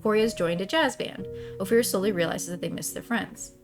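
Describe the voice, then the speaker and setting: Speaking a bit quickly at medium pitch over music, the woman streams a visual novel. She switches back and forth between reading the narration and offering loose, chatty commentary, often stopping mid-thought.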